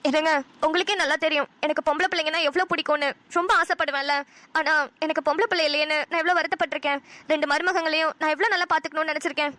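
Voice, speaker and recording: A woman's voice: high-pitched, steady tone, racing, pushed and bright, dry recording. A woman playing a nagging old wife. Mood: heartfelt. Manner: scolding, emotional. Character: elderly wife and mother-in-law, warm but nagging. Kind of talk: cartoon dialogue.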